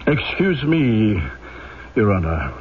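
An actor playing a rigid, coercive police inspector in an old-time radio drama, with clipped, formal, insistent questioning. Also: male voice, lowish voice, big pitch swings, takes it slowly. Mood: formal, stiff. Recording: dull, noisy old radio broadcast.

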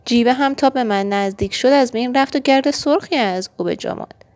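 A woman voicing a high, anxious little oxygen. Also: darkish tone, close to an everyday voice. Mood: fearful. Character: friendly, curious little oxygen, childlike. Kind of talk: storybook reading.

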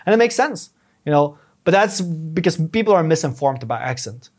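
A man with a slightly raised voice explains things earnestly in a relaxed podcast interview. He often restarts a thought halfway and circles back to make his point. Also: fairly high pitch, a little fast, husky. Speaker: podcast guest, YouTube strategist. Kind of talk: casual conversational interview.

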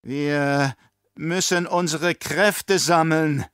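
A man's voice: mid-range voice, fairly bright tone, clean tone, no room sound, studio quality. A man doing a gasping, panicked old baron. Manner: gasping, pleading, drawn-out. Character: scheming, terrified fat old male baron.

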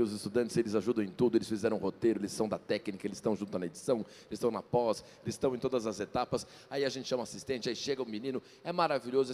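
A man hosting a talk show on a studio stage, joking with his guest and reading out quiz lines slowly with heavy stress. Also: medium pitch, a little mellow, slight background noise. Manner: jokey, reads lines slowly and stresses them. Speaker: host. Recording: long hall reverb.

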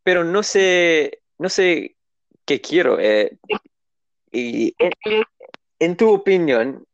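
A man whose first language is English, chatting as a beginner learner of Spanish, halting and searching for words and slipping into English. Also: a little high, animated, no echo, highs cut off. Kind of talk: casual conversation practice.

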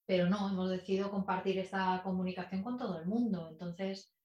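A woman guest talking about public speaking in a chatty, expressive and playful way, in a casual in-person interview. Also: medium pitch, fairly quick, lo-fi sound. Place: in person in a room with the host. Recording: echoey room.

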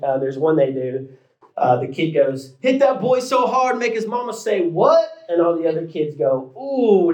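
Man, pastor, high voice, sermon delivery, emphatic and conversational, reverberant church room. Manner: preaching with rising emphasis and colloquial asides. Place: church sanctuary.

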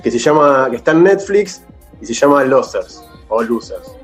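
A man's voice: a little high, animated, fairly quick, faint music behind. A man with an Argentine accent on a casual panel, describing a documentary series at some length. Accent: Argentine Spanish. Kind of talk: casual group chat.

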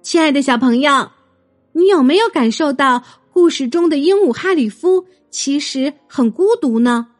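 A woman narrating a children's story in a gentle, expressive way. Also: high-pitched, normal speed, soft background music.

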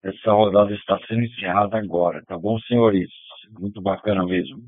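A man's voice: fairly low pitch, brisk, dry recording, narrow, tinny audio. Sex: man. Role: ham radio net controller. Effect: voice over a digital radio link. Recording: thin, dry radio audio. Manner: steady, reads call signs in the phonetic alphabet, keeps asking "tá bom?". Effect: heard over a digital ham radio link. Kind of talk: closing a ham radio net, reading call signs.

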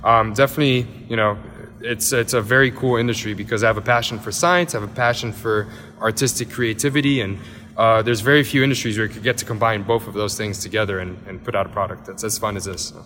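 A man in his thirties, raised in Miami, explains his brewery at a brisk clip. His speech is loose and full of fillers and restarts. A long reverb from the large tasting room trails each phrase. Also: on the low side, fairly even intonation, bright, forceful tone. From Miami, Florida. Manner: rapid, with frequent fillers and restarts. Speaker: head brewer. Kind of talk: conversational interview answers.

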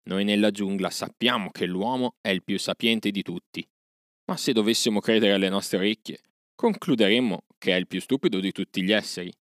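A man voicing a wise old panther who speaks in measured, mocking asides in a storybook reading. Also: fairly low pitch, a bit bright, no room sound, clean studio sound, lightly acted. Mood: sardonic.

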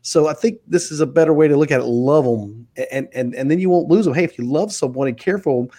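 Earnest man hosting, mellow tone. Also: a little high, fast talker. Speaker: interview host. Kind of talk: podcast interview.

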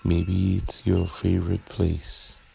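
Ambient chimes and background noise accompany a guided meditation from a man whose voice is very low and heavily creaky. His delivery is completely flat, very slow, and gentle, with short, soothing phrases and long pauses between them.

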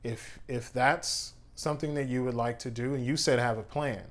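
A man co-hosting an activist talk, speaking in a deliberate, emphatic way. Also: medium pitch, steady tone. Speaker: co-host.

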